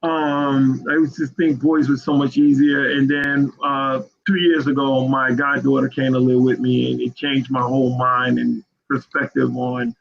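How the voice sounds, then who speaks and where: A man in his fifties, an author, answering interview questions in an earnest, halting way, often repeating words. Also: medium pitch, vocal fry, highs cut off. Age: 50s. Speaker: author as guest.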